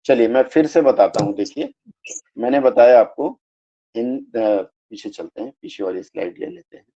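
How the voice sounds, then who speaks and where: Male teacher, online class, patient step-by-step explainer, low warm voice, dull lo-fi audio. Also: normal speed. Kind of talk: live online grammar class.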